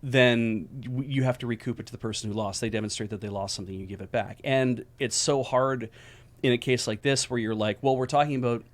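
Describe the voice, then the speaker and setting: A man's voice: mid-range voice, fairly even intonation, fairly quick. A middle-aged man co-hosting a casual discussion, rambling through points with everyday examples. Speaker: co-host.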